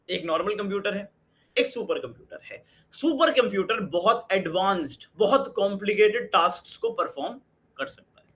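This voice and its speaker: A man's voice: sits high, fairly bright tone. A young Indian man teaching an exam-prep lesson in mixed Hindi and English, asking questions and answering them himself. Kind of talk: energetic Hindi-English lecture.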